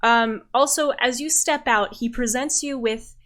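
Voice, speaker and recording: A woman's voice: on the high side, measured pace, fairly bright tone. A woman narrating as game master of a tabletop game, descriptive and playful.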